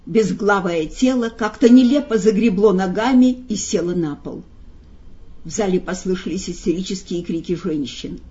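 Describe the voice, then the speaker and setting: Woman, audiobook narration, expressive storytelling, middling pitch, muffled lo-fi recording. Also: moderate pace. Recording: dull lo-fi recording.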